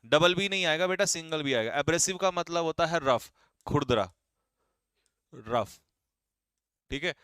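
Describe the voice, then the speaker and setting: Man, teacher quizzing a class, bright forceful voice, smooth, dry close sound. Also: on the high side, animated, no echo. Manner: brisk, quizzing students and teasing them. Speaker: English vocabulary teacher. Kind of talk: live online exam-prep class.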